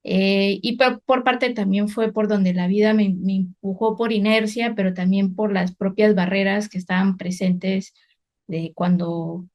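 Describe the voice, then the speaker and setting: A woman's voice: medium pitch, darkish tone. Woman, 30s, from Guatemala, environmental researcher; mid-range voice, reflective and unscripted, full of hesitations. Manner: reflective, many fillers and restarts. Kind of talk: personal career story, unscripted.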